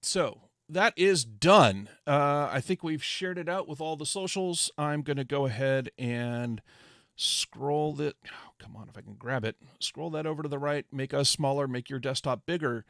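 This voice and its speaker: Male livestream host, gravelly, chatty and rambling, dry close mic. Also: fairly high pitch, lively intonation, normal speed, fairly bright tone, no echo. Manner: rambling, self-correcting, chatty with frequent fillers. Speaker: livestream host teaching electronics design software. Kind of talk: casual livestream chat.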